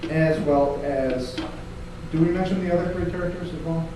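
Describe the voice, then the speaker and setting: High male voice, casual game commentary, opinionated, distant mic, noisy room. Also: normal speed, very echoey. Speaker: co-host of a video game retrospective.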